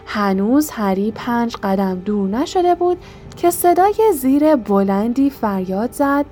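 A woman's voice: fairly high pitch, very animated, warm tone, faint music behind. A woman narrating an audiobook with dramatic, suspenseful delivery. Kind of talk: audiobook reading.

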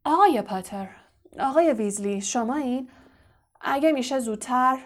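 A woman voicing a vain, evasive male wizard professor who is a fraud, smooth and condescending. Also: high-pitched, lively intonation. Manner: smooth, self-justifying, condescending.

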